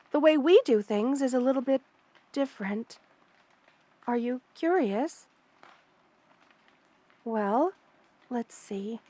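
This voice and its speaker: A woman plays a gentle, protective spider queen in an ASMR roleplay, speaking softly and closely to the listener with formal phrasing and hesitant pauses. Her voice sits a little high with a darkish tone and no echo, and she sounds like she's patiently explaining something.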